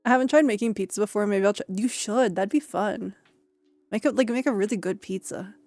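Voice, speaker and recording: A woman's voice: mid-range voice, fairly quick, a little mellow, no echo, faint music behind. A young woman streamer chatting casually with her viewers, giggly and rambling, often repeating herself.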